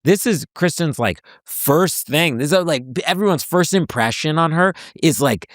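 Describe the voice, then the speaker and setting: A man's voice: on the high side, expressive, normal speed, dry recording, studio quality. Man rambling through casual podcast chat. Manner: rambling, full of filler words and restarts. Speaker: podcast guest. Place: podcast studio.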